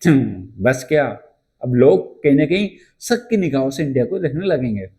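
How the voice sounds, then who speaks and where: A male teacher giving an exam-prep lecture in a chatty storytelling way. He asks his class questions and answers them himself, and he reads English textbook lines slowly. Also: medium pitch, lively intonation, warm tone.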